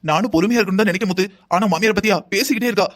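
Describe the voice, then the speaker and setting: A voice actor playing an angry middle-aged mother in a cartoon drama, scolding in a rapid-fire way. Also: mid-range voice, close to an everyday voice. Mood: furious. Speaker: bride's mother.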